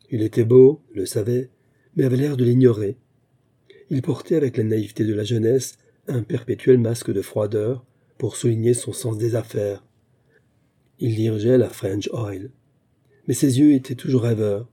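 A man narrating a novel as an audiobook in a measured, literary manner. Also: lowish voice, mellow, breathy edge.

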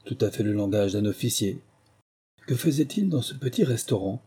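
A man narrating a novel in a steady, measured storytelling voice. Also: lowish voice, breathy edge. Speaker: audiobook narrator.

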